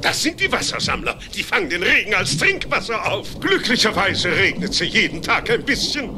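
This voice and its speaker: A man playing a boastful, bossy, joking ship captain in a German cartoon audio play, pompous and quick to laugh at himself. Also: high-pitched, very animated, noisy background. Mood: jovial, joking. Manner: pompous, jokey, laughing at own jokes. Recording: music behind the voice.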